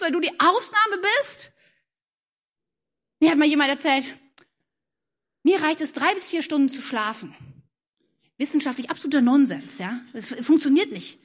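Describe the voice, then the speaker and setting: A woman preaching a sermon, moving between animated questions and hushed, soft-spoken passages. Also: extremely high pitch.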